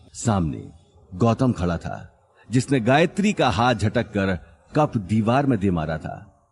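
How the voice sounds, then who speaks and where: Low-voiced dramatic male storyteller. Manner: dramatic, expressive. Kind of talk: scripted audiobook narration.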